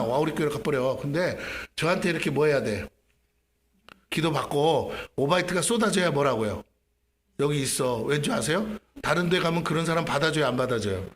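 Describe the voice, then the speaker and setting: A man, the senior pastor, preaching a lively sermon in a church, acting out his prayers and questioning the congregation. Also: on the high side. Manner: animated, acts out his own prayers and asks the congregation questions. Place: church sanctuary.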